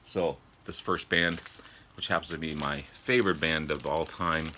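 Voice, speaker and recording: A man with an extremely deep voice and a forceful, bright edge talks casually to his viewers as a vlog host. He has a sore throat from a cold, so his delivery is halting and throat-clearing. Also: steady tone, slight background noise. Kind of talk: casual chat to viewers about records. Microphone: older phone.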